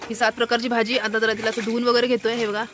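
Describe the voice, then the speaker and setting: A woman narrates a home vlog from a phone, chatty and direct with her viewers. Her voice sits a touch high. She sounds worn out, with a headache she keeps mentioning. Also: little pitch movement, rapid-fire, fairly bright tone, a little hiss or hum. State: tired with a headache. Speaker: vlogger. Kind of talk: casual family vlog narration. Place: village home during monsoon rain.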